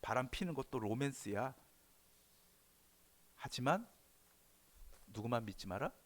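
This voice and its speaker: A sly, tempting devil, put on by a preacher mid-sermon speaks in a dropped, hushed voice that slips into whispers. It coaxes and sneers like a tempter at someone's ear, much lower than a normal speaking voice. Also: male voice, animated, a little slow. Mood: hushed coaxing. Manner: low hushed coaxing, sometimes whispering.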